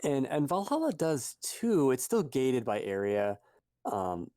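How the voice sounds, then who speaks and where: With a sing-song, mid-range voice and a dark tone, a man co-hosting a podcast talks at a measured pace, rambling and self-correcting in casual chat. The studio-quality recording has no room sound.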